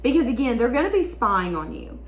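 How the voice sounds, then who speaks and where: A woman's voice: a little high, big pitch swings, a little fast, reverberant, a little hiss or hum. A woman giving a tarot reading to her viewers, talking in an emotional, rambling, repetitive way. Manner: emotional, stream-of-consciousness, repeats herself. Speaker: tarot reader.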